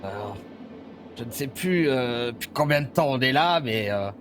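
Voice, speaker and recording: A man's voice: medium pitch, lively intonation, moderate pace, faint music behind, lightly acted. Man playing a pompous aging knight, swooping voice. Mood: pompous, weary. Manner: grandiloquent, hesitant. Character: aging pompous male knight, stubbornly optimistic. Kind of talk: tabletop role-play acting.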